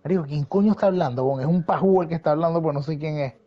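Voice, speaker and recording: Gamer guy, high voice, teasing banter, muffled lo-fi voice-chat audio. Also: very fast. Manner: joking, swears freely, laughs often. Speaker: online game player. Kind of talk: casual gaming voice chat.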